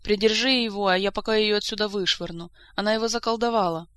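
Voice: fairly even intonation, fast talker, a bit bright, smooth, no echo, close to an everyday voice. An audiobook reader voicing a frantic, pleading female nymph. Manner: pleading, shrill.

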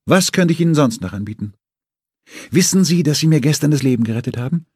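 A man's voice: on the high side, expressive, quick pace, a little mellow, husky, no echo, studio quality, voice pushed up. A man voicing a retired older woman who plays the sugary hostess with mock enthusiasm. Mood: gushing. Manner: gushing, syrupy-sweet and overly eager.

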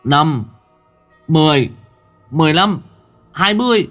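A man voicing a frightened boy who counts loudly to keep his fear down, with loud forced bravado. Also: fairly high pitch, animated, measured pace, faint music behind, pitched above the performer's own voice. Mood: nervous bravado.

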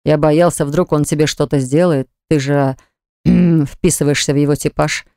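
A man's voice: fairly high pitch, fairly even intonation, moderate pace, gravelly, darkish tone, clean tone, dry recording, clean studio sound, voice pushed down. A reader voicing a jealous, barking man. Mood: subdued. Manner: barking, demanding, accusatory. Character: jealous, domineering male hotel owner, adult. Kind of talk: audiobook character voice.

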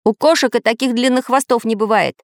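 A woman voicing a cheerful male tinkerer figure in a storybook reading, in a raised, bright voice. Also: brisk, dry recording, clean studio sound, lightly acted. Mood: excited. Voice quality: high, bright put-on voice.

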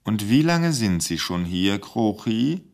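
A man reading aloud and voicing a soft-spoken, domineering male radio director. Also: fairly low pitch, big pitch swings, takes it slowly, pitched above the performer's own voice, exaggerated voice.

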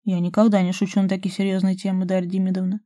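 A woman voicing a gruff, loving man who grumbles jokingly and whispers tenderly in an audiobook. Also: flat delivery, very fast, dark tone, no room sound, studio quality, close to an everyday voice. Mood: firm. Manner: husky low whispers, mock grumbling.

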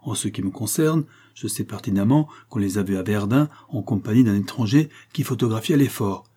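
A man's voice: fairly low pitch, fairly quick, mellow, husky. A man voicing a sententious village schoolmaster with a pointed, singsong voice.

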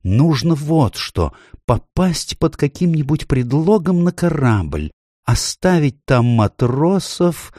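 A man voicing an excitable male faun in a storybook, talking in a high, eager, fussing way. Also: slow pace, no echo, studio quality, heavily acted. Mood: scheming eagerly. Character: fussy, excitable male faun plotting an escape.

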